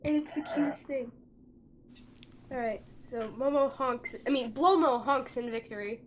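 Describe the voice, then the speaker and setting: A woman's voice: high voice, moderate pace, a little hiss or hum. A woman chatting casually and playfully as a player in a tabletop game.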